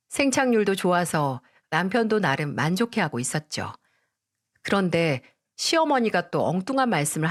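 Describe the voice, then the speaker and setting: Expressive woman narrating a story. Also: on the low side.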